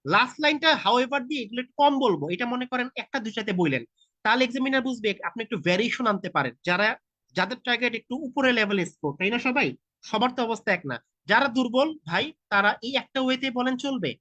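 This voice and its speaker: A Bangladeshi man in his thirties with a Bengali accent teaches an online IELTS class over a video call, speaking casually, mixing in English, and questioning his students directly. His very high-pitched voice is pushed and bright, a little fast with lively intonation, and has no echo.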